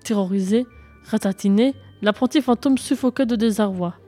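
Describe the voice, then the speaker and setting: A woman narrating a children's story in a lively, expressive read-aloud manner. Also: medium pitch, normal speed, faint music behind.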